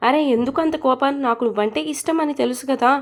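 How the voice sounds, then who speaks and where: A woman's voice: high-pitched, fast. A woman voicing an emotional, stubborn young wife in a storybook reading, pleading and tearful.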